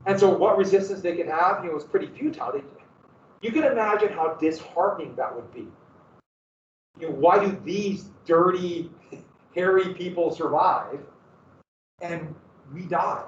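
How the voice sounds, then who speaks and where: A teacher with a Montana accent gives a casual, rambling history lecture, often poking fun at himself. His voice is high and moderately paced with frequent pauses. The recording has a little hiss or hum and sounds dull and echoey, as if captured from far off in a classroom.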